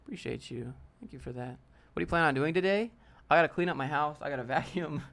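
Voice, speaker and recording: A man's voice: a little high, fast, vocal fry, a bit bright. Youthful-sounding man hosting a casual live stream. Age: 20s. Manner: laid-back, joking, reads viewer questions aloud.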